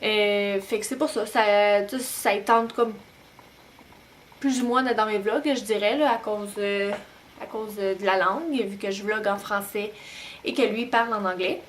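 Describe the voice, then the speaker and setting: A young woman with a Québécois French accent talking casually to camera at home as a new-mom vlogger, relaxed and full of hesitant pauses. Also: medium pitch, slight background noise. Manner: chatty, many "euh" pauses, relaxed. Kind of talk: casual vlog talk to camera. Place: home, bedroom at night.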